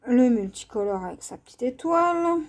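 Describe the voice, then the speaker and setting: A woman hosting her own craft channel, showing her cross-stitch canvases in a casual, unhurried vlog, hesitant and full of fillers. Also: sits high, animated. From France. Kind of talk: casual show-and-tell vlog.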